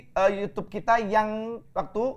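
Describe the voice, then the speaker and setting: A woman's voice: mid-range voice, fairly even intonation, a little slow, dull audio. A middle-aged woman co-hosting in casual banter, reading viewer comments with a playful, giggly manner. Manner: playful, giggly, mock-scared. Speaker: co-host.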